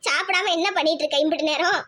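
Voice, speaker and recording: High yet soothing, this is a woman playing a kindly old village mother in a cartoon, comforting her son. She talks quickly but with motherly reassurance. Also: sharp tone.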